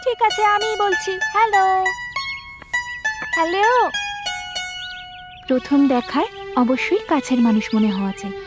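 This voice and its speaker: A woman's voice: very high-pitched, sing-song, measured pace, pauses often, full character voice. A woman dubbing a bold, demanding young woman in a film, teasing and bossy in manner. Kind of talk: Bengali movie dub. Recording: film soundtrack with loud music.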